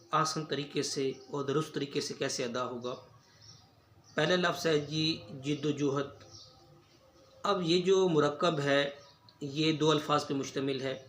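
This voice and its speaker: Measured male Urdu teacher, echoey room. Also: on the high side, a bit bright. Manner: measured, explanatory, with frequent hesitation fillers. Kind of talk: spoken lesson on word pronunciation. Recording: echoey room with faint ambient noise.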